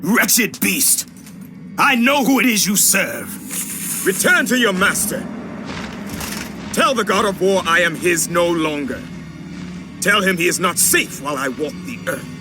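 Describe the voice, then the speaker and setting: A fierce young Spartan captain in a video game cutscene. He speaks slowly and intensely, with big dramatic swings in pitch, declaiming his vengeance. Loud music plays behind him. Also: animated. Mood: vengeful fury.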